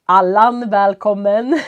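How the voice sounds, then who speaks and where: A woman with a stuffy nose and a cough, teaching from home and talking slowly and clearly for learners as she greets viewers on a live stream. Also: medium pitch, fairly even intonation, muffled recording. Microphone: computer setup.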